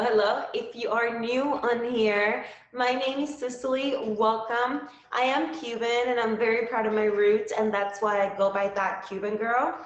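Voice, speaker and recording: Chatty and cheerful, a Cuban livestream talk show host keeps saying "okay" as she checks in with her audience. She has a mid-range voice, and the audio is dull and reverberant.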